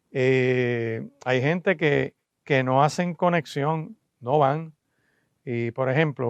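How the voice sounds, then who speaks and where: A man's voice: on the high side, dry recording. A man, a pastor preaching on the radio, teaching earnestly and addressing listeners directly, with frequent "eh" fillers. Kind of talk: radio sermon.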